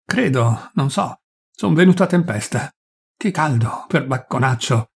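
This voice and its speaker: Flustered sweaty doctor, complaining, husky tone, man reading. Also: medium pitch, expressive, a little slow, full character voice. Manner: breathless, complaining.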